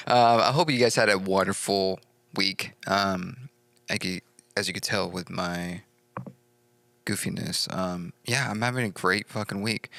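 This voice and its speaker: A man's voice: fairly low pitch, vocal fry, sharp tone, no room sound. A man hosting a podcast in casual chat, talking in a loose, goofy way with lots of swearing, laughs and fillers. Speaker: podcast host.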